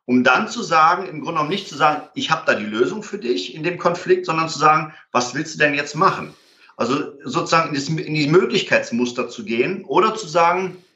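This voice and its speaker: A man's voice: on the high side, expressive, a little fast, bright, forceful tone. A man as an interview guest, explaining conflict resolution with many fillers and acted-out example dialogues. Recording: roomy, dull lo-fi sound.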